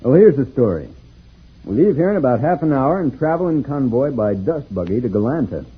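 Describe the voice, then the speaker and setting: A man's voice: medium pitch, sing-song, a little fast, slightly rough. An actor playing an amiable, fatherly space troubleshooter who explains things easily in an old radio serial. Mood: friendly, reassuring. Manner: easygoing, explanatory, chuckling. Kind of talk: 1950s radio serial acting. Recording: muffled, tinny old radio recording.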